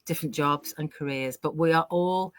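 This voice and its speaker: A woman's voice: deep voice, normal speed, dry recording. A woman in her sixties from the UK hosting a live online panel discussion, upbeat and enthusiastic. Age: 60s. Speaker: host.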